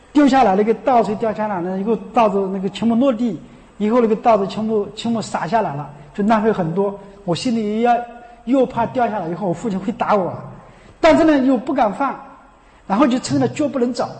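A high-pitched male preacher gives a Buddhist sermon in an emphatic, animated way. He keeps throwing rhetorical questions at his listeners and chuckles often, and his voice carries a long reverb from a large hall. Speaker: Buddhist teacher.

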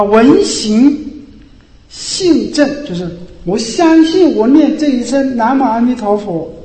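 A man preaches Buddhist doctrine in a very high, lively voice that swoops up and down. His tone is soft and dark, and he keeps repeating rhetorical questions before dropping into quiet asides. The sound rings through a roomy hall with a long echo. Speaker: Buddhist teacher. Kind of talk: sermon. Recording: echoey hall.

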